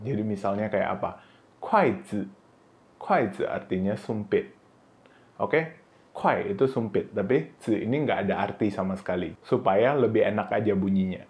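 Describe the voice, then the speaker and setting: A man with lively intonation and a darkish tone teaches Mandarin pronunciation in a casual video lesson. He frequently uses "oke" and "nah" and demonstrates syllables with high, prolonged bursts.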